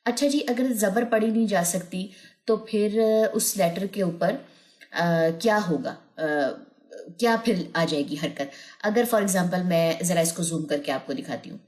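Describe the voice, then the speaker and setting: Slow, patient woman teaching Quran reading. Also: lowish voice, a little mellow, reverberant. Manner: patient, drawn-out syllables when reciting, plain explaining between. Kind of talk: slow spelled-out recitation lesson.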